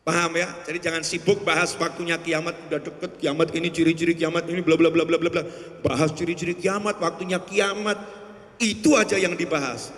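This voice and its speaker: A man preaching a sermon in a mosque, telling stories with lively voicing of the people in them. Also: fairly high pitch, brisk. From Indonesia. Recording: long reverb of a large hall.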